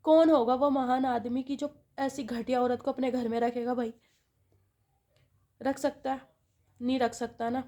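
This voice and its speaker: A woman's voice: high voice, steady tone, measured pace, pauses often, dark tone. A woman vlogger venting to her viewers in an aggrieved way, asking rhetorical questions and answering them herself.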